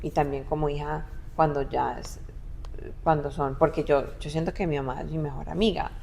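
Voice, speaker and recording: A young adult woman talking casually with her mother, often pausing and restarting as she searches for words. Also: deep voice, fairly even intonation, gravelly, darkish tone, a little hiss or hum. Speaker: guest, adult daughter. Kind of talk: casual podcast conversation.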